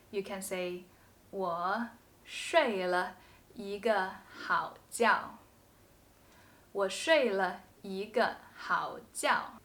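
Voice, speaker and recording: A woman with a Mandarin Chinese accent teaching a scripted language lesson. She speaks slowly and carefully and says each example sentence twice. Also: mid-range voice, fairly bright tone.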